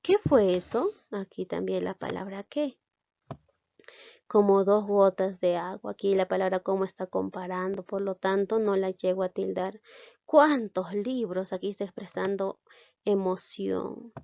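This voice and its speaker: A woman teacher explaining a grammar lesson, checking in often with her students and reading example sentences slowly with emphasis. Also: medium pitch, little pitch movement, vocal fry, warm tone, no echo. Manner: explains with many checking "¿ya?" tags. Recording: dull, dry lo-fi recording.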